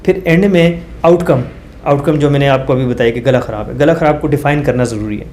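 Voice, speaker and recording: A male guest doctor explains research methods briskly in a mid-range, darkish voice over slight background noise. He works through numbered points using everyday examples, with hesitant fillers and English phrases mixed into his speech.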